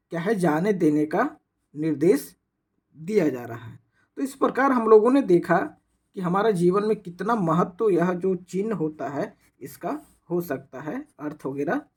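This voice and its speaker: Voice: mid-range voice, a little mellow, slightly rough. A teacher giving a grammar lesson, explaining step by step with frequent rhetorical questions and some restarts. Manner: explains step by step, often fills with rhetorical "what is it".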